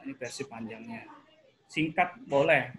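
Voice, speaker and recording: A man's voice: mid-range voice, a little slow, noisy background. A man with an Indonesian accent, an English teacher explaining grammar in an online class and often stopping to ask the students questions.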